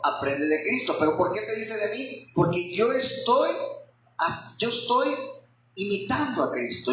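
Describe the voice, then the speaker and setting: A man preaching an expository sermon to his congregation in a church hall, often pausing to ask them rhetorical questions. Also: high voice, pushed and bright, slight background noise. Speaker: pastor. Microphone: handheld microphone.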